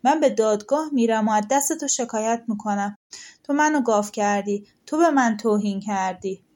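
A woman's voice: fairly high pitch, darkish tone, natural voice. A sly, poor peasant man from a folktale, read by a woman. He speaks earnestly, with a slightly raised voice. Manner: earnest, feigning confusion. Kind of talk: audiobook folktale reading.

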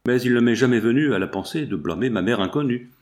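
A man reading as a gentle young seamstress. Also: mid-range voice, expressive, fast, natural voice. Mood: earnest.

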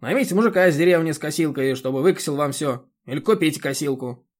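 A man reading an audiobook, voicing a short, stout, rude elderly village chairwoman who scolds and yells. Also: quick pace, lightly acted. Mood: scolding. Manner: shrill scolding, yelling.

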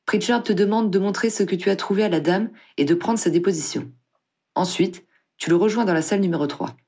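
A reader voicing a blunt, impatient woman officer, husky and commanding. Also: mid-range voice, fairly quick, darkish tone, voice pushed up, natural voice. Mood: brusque. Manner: curt, commanding. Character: blunt tough female wizard officer, impatient.

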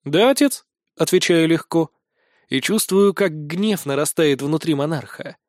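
A man with a notably high voice narrates a first-person fantasy story. He reads wryly and colloquially, slipping in mild curses. The sound is bone-dry and close. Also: unhurried, no room sound. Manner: wry, colloquial, with mild swearing. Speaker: audiobook narrator.

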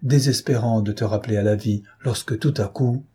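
A devoted old governess pleads through tears, as a man reading aloud puts her on. The voice is dark and very husky, raised in distress. A storybook character full of feeling. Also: on the low side, moderate pace. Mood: pleading. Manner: pleading, emotional. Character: frightened, tearful older governess, devoted.

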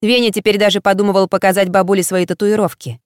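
A woman reading a first-person novel aloud as an audiobook narrator in a lively storytelling manner. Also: medium pitch, fast talker, clean tone, no echo, studio quality.

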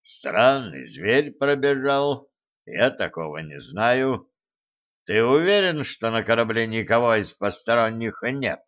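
Грубоватый гном-боцман, озвученный мужчиной, прямолинейный, неспешный, глуховатая запись. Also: male voice, mid-range voice, very animated, slow pace, a bit bright. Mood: wary. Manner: blunt, colloquial speech. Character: gnome boatswain, gruff and blunt. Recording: dull lo-fi recording.

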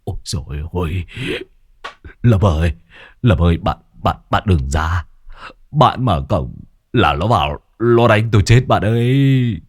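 Stammering, cowardly addict, as a man puts him on for an audio story; very low, husky voice. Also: animated, moderate pace, a little mellow. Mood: pleading. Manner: stammering, pleading. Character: cowardly, frightened young male addict.

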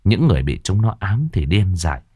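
A man narrating a horror story in a lively, vivid way. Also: fairly quick, husky, dry recording, studio quality. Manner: lively, vivid telling with varied pitch.

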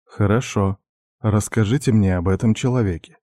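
A patient male questioner with a low, mellow voice, coaxing and lulling in an even, soft murmur in a storybook tale, as the narrator plays him. The recording is dry and close. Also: moderate pace, no room sound, natural voice. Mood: soothing coaxing. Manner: soft, ingratiating, monotonous. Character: gentle investigator man, soothing and coaxing. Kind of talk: audiobook character voice.

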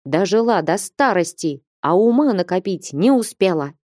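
A woman's voice: fairly low pitch, expressive, moderate pace, warm tone, no echo, natural voice. A woman reading aloud and voicing a stern, fiery old abbess who scolds and commands in a raised voice. Dry, close sound. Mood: furious.

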